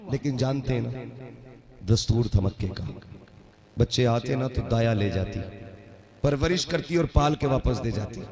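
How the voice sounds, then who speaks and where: A man from India preaching a sermon to a gathering, telling the story in an impassioned, sing-song way. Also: fairly high pitch. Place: religious gathering with audience. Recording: noisy crowd at a gathering.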